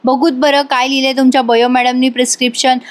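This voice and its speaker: A woman's voice: sits high, level tone, quick pace, natural voice. Woman doing a scolding, bossy young woman. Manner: scolding, reproachful.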